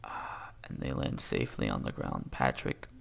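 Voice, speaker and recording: An amateur reader with a husky bass voice reads a long film script aloud, covering both stage directions and dialogue at a moderate pace. His pitch swings hugely, and he stumbles, corrects himself, and breaks off into asides.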